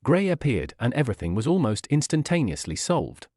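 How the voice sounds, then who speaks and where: A man reading a fantasy light novel aloud as audiobook narrator, in a steady storytelling manner. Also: medium pitch, fairly quick, dry recording, studio quality. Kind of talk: scripted narration.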